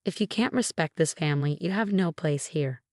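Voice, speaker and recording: A woman's voice: sits low, normal speed, a little mellow, no echo, studio quality, natural voice. A woman voicing a furious, domineering middle-aged stepmother who speaks in a commanding way.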